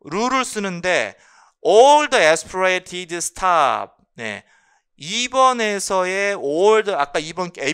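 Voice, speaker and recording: A man's voice: sits high, a bit bright, smooth. A middle-aged man lecturing on English phonology for exam prep, mixing English terms into his speech and answering his own rhetorical questions. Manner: explanatory, asks rhetorical questions and answers them; mixes English terms into Korean.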